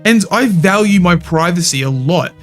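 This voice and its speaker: Opinionated high-voiced male games commentator. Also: lively intonation, normal speed, fairly bright tone, soft background music. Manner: opinionated, blunt, swears casually. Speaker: gaming commentary channel host. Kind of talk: scripted video commentary.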